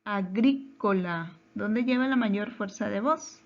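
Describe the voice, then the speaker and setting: A woman teaching a children's grammar lesson, asking questions and answering them herself in slow, careful steps. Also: medium pitch, muffled recording. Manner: slow, careful, questioning delivery with deliberate pauses.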